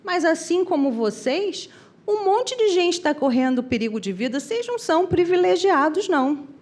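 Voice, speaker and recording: A woman voicing a calm, stern spirit guide who scolds a frightened man. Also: very high voice, normal speed, voice pushed up. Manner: firm, admonishing.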